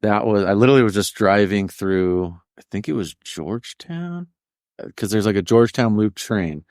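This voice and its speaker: A man's voice: on the low side, lively intonation, moderate pace, a little mellow, no room sound, clean studio sound. A man from Colorado as a podcast guest in casual chat, easygoing and slangy. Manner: easygoing, laughs often, slangy.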